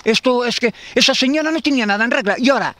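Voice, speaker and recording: This tenant facing eviction, a man in his fifties with a Galician Spanish accent, talks rapid-fire in a very high, fairly bright voice with no echo. Interviewed outdoors in a garden on a handheld mic, he rambles, repeats himself, and keeps restarting.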